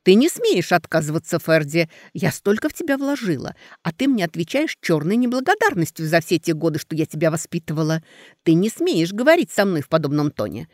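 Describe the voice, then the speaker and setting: A man voicing a domineering aristocratic mother who shouts commands at her grown son, read as an audiobook character. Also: fairly high pitch, sing-song, fairly quick, no room sound, studio quality. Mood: imperious, shouting. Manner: loud, commanding, scolding.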